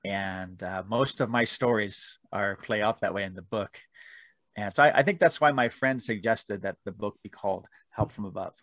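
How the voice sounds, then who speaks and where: A man's voice: lowish voice, normal speed, fairly bright tone, dry recording. A man guest telling rambling, self-deprecating stories about his book in a casual interview, with frequent restarts. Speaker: author guest.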